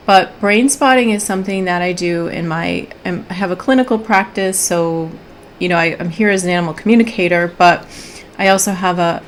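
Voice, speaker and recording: A woman's voice: on the low side, slight background noise. Stuffy-nosed woman hosting a live stream. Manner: chatty, greets viewers in the chat by name. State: stuffy from allergy. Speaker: host of an animal communication live stream. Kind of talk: casual live-stream chat.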